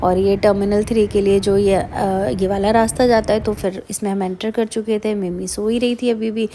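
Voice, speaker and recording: A woman's voice: medium pitch, steady tone, normal speed, mellow, a little hiss or hum. A woman narrating a casual travel vlog as a mother, talking in a chatty way with many fillers and English words mixed in. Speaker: vlogger mother.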